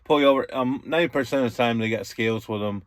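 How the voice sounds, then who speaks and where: Sitting in the passenger seat of a truck cab, a seasoned CB radio user explains trucker slang in a folksy, colloquial, casual chat. His medium-pitched voice races along, with no echo.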